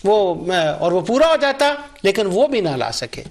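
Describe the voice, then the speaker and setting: A man's voice: high voice, big pitch swings. A middle-aged Islamic scholar giving a religious lecture, telling anecdotes and stressing his points through repetition. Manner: storytelling, acts out remembered dialogue. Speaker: Islamic scholar and Quran reciter.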